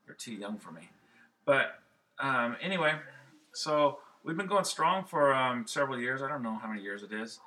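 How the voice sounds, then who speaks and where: Man, 50s, podcast co-host; sharp, bright tone, rambling, excitable. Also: medium pitch, moderate pace. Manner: rambling, excitable, loud when enthused. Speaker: podcast co-host and race organizer. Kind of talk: casual podcast chat.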